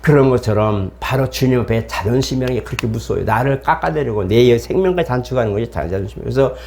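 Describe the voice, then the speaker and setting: A man's voice: mid-range voice, fast, darkish tone, a little hiss or hum. A middle-aged man preaching a sermon as pastor, in a conversational way, acting out the voices of the people he quotes.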